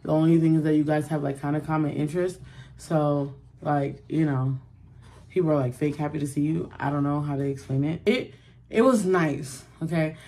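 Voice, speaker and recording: A woman's voice: deep voice, fairly even intonation, normal speed, warm tone. Chatty young woman vlogging at home. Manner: chatty, rambling, many "like" and "um" fillers. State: out of breath, rushed. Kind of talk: casual vlog chat to camera.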